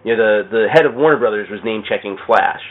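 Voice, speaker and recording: A fast-talking man with a lowish voice chats casually about comics and films, rambling, joking, and often cutting himself off mid-thought. The podcast audio sounds thin, almost like a phone line.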